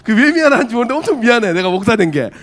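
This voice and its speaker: A man in his forties, a pastor preaching a sermon, telling a story and acting out the people in it with big jumps in his voice. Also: racing. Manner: animated, acts out quotes with big pitch jumps. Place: church.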